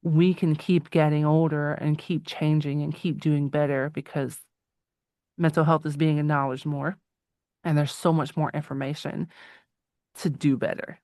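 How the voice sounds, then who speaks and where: A woman in her forties hosts a casual interview in a low voice. She reflects out loud and laughs easily. The sound is dry and close. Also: flat delivery, moderate pace, dry recording. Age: 40s. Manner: thoughtful, reflective, laughs often. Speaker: podcast host.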